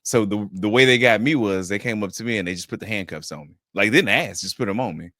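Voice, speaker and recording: Low-voiced man telling a story, dry mic. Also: fast talker, dry recording. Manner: animated storyteller, laughs while telling. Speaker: podcast co-host. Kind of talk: casual chat.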